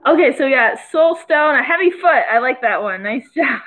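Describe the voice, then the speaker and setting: A woman's voice: sits high, lively intonation, normal speed, fairly bright tone, low-quality recording. A young woman with a Michigan accent, casually hosting a trivia quiz and chatting between questions. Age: young adult. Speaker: trivia host. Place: small indoor room by a window.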